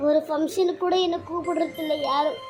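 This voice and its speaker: Woman voicing a weeping young wife, high-pitched. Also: fairly even intonation, fairly quick, close to an everyday voice, rough recording. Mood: grieving. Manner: sobbing lament, repeating and breaking off phrases. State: crying. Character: young wife, heartbroken, pleading and tearful. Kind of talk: cartoon serial voice acting. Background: background music.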